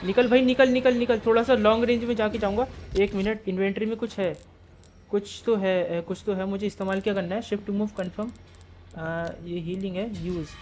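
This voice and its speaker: Excitable, foul-mouthed young gamer man. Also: high-pitched, normal speed, a little hiss or hum. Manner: excitable, swears constantly, jokey banter; yells in panic during fights. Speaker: gaming channel host. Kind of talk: live gameplay commentary.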